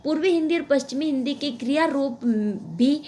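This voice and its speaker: A woman delivers an exam-prep lesson as steady dictation. Her voice sits high, and she paces herself deliberately, pausing on each example word and saying it again so students can write it down. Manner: slow, deliberate dictation with repeated example words. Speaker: teacher.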